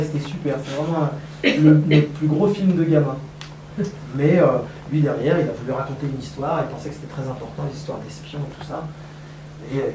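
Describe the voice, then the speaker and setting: A man's voice: fairly high pitch, mellow. A man speaking as a guest filmmaker at a film club Q&A, chatting casually, rambling and self-mocking with lots of hesitations. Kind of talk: casual onstage Q&A talk. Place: cinema hall at a live screening event. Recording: echoey hall, distant mic, audience noise.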